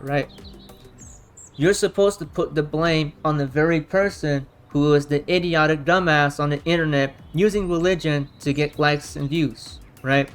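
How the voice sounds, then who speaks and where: A man's voice: on the high side, fairly bright tone. A man giving unscripted, argumentative commentary in a blunt, rambling way. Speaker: reaction commentator.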